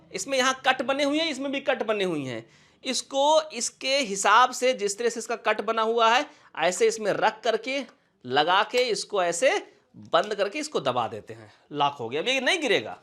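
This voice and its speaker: A man's voice: extremely high pitch, bright, forceful tone. A man teaching a computer lesson in with a tinge, who keeps checking whether his students have understood. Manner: asks quick check questions again and again. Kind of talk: classroom-style lesson.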